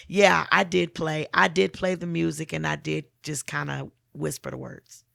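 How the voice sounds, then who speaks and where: A woman's voice: low-pitched, steady tone, unhurried, vocal fry, bright, forceful tone, no echo, clean studio sound. A woman, a singer and talent show winner, chatting animatedly as a podcast guest and laughing often. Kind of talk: casual interview chat.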